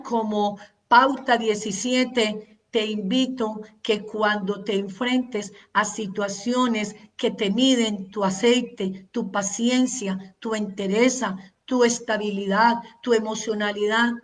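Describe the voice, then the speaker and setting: A woman's voice: medium pitch, far from the mic. A woman giving a parenting masterclass, speaking earnestly and repeating words for emphasis as she works through long lists. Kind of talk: slow, measured teaching talk with long lists.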